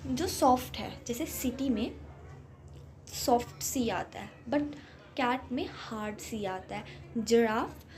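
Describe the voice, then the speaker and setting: A young woman teaching an English phonics lesson. She reads the English examples slowly and drawn-out, then explains them in quick Hindi. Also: fairly high pitch, darkish tone.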